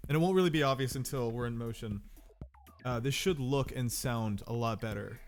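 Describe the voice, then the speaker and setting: A man's voice: medium pitch, brisk, soft background music. A sick man with a nasal, stuffed-up voice, rambling casually and self-deprecatingly while livestreaming a game, a little profane. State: sick with a cold. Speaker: game streamer.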